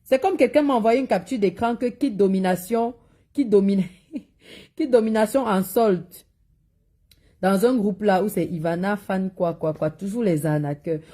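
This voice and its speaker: A woman's voice: mid-range voice, normal speed, warm tone. Blunt woman with a Cameroonian accent. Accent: Cameroonian French. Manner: blunt, scolding, repetitive warnings. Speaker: seller of spiritual and cosmetic products. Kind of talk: live social media monologue.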